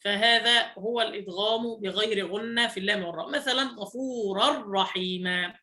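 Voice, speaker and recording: Male recitation teacher with a high, bright voice; patient, repeats examples slowly. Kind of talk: recorded online lesson.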